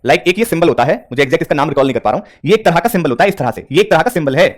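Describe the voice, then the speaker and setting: A man's voice: a little high, animated, rapid-fire. A man teaching reasoning for bank exams in a live online class, speaking mixed with English terms and talking straight to his students.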